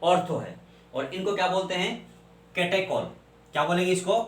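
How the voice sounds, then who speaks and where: A man's voice: high voice, animated, moderate pace, distant mic. A male chemistry teacher, lecturing and asking questions he then answers himself. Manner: asks questions and answers them himself, spells out names. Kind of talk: classroom lecture. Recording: echoey room, voice from off-mic.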